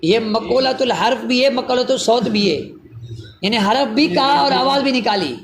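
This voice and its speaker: A man's voice: very high voice, a crowd in the background. A male teacher giving a grammar lecture in a classroom, repeating each phrase and checking that his students follow. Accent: Pakistani Urdu.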